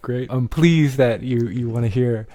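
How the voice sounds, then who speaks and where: A man's voice: mid-range voice, measured pace, dark tone, no room sound. Easygoing male podcast host. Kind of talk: casual podcast chat.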